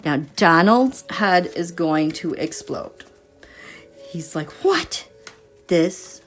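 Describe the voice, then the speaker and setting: A woman's voice: low voice, takes it slowly, faint music behind. A woman reading tarot cards in a casual livestream, chatty and meandering as she thinks aloud. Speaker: tarot reader.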